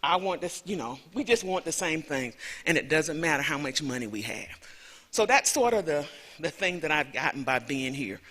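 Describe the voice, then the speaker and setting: Her voice is deep, expressive, and a little bright, moving at a moderate pace with a Southern accent from Alabama, USA. She's a visiting lecturer giving a chatty, rambling conference talk peppered with self-deprecating remarks, recorded in a large lecture hall with heavy reverberation.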